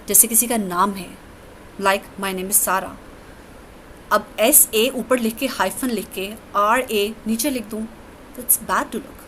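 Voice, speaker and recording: A woman teacher walks through a grammar lesson, unhurried and careful. Her pitch sits in the everyday middle range, and a faint hum of room ambience stays behind her voice. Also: a bit bright, low-quality recording. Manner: patient, step-by-step explaining. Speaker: English teacher. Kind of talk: recorded classroom lecture.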